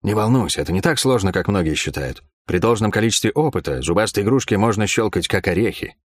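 A man voicing a cool-headed male thief in an audiobook, speaking quietly and without hurry. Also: on the low side, expressive, dry recording, studio quality. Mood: calm. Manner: quiet, unhurried, understated. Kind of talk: audiobook character voice.

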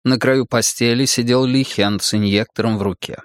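A man narrating a first-person audiobook in a measured, dramatic reading. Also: mid-range voice, fairly even intonation, no room sound, clean studio sound.

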